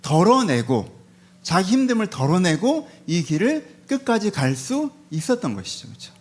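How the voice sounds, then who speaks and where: A man's voice: high-pitched, moderate pace. A male pastor preaching a conversational sermon, acting out Job and his friends and asking the congregation questions. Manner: animated, acts out Job and his friends in voices.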